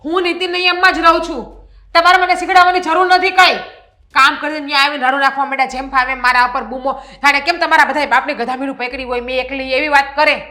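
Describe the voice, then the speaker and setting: A quick-tempered young wife in a family stage drama, played by a woman fires back at her husband in a high, bright voice. She speaks fast and sharp and uses rustic dialect words. Her retorts come rapid and pointed. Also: little pitch movement. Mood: indignant. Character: overworked young wife, sharp-tongued and defiant.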